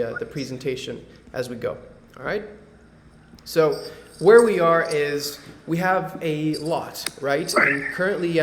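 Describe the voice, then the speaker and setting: This Colombian presenter from Medellín, voice a little high, gives a casual real estate webinar over a video call, full of fillers and tag questions. The recording has a roomy sound with background noise.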